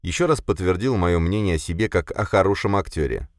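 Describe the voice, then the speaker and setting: A man narrating a first-person fantasy audiobook in a measured, expressive storytelling manner. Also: low voice, no room sound, clean studio sound.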